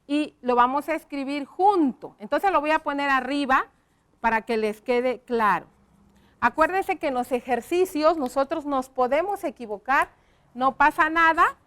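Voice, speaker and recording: A woman's voice: high voice, moderate pace, fairly bright tone. A woman teaching a televised primary lesson, patiently asking the children questions and praising their answers.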